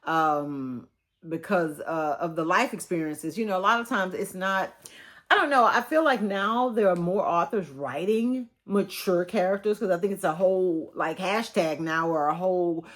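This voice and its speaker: A Texan woman in her fifties talks through a book review in a relaxed, rambling way. Her voice sits a bit low for a woman, and she calls her viewers y'all. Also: normal speed. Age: 50s. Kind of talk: casual book-review vlog.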